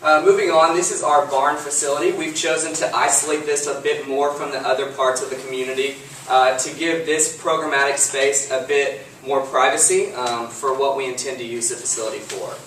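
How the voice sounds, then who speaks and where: A man's voice: medium pitch, steady tone, fairly quick, hardly any pauses, a bit bright. A young man from Texas giving a student project presentation, walking methodically through slides with frequent ums and uhs. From Lufkin, Texas. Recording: distant mic in an echoey room with faint noise.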